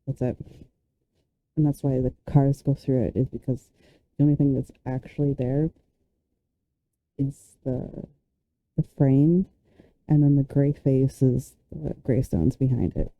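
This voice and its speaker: A woman's voice: a bass voice, steady tone, a little slow, long pauses, phone-quality sound. A woman reacting casually to video clips, rambling with lots of fillers and the odd curse. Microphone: handheld or desk mic close up.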